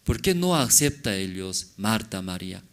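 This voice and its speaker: A man preaching a sermon as pastor, in halting non-native Spanish with broken grammar, often asking the congregation questions. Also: fairly low pitch, big pitch swings. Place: church service.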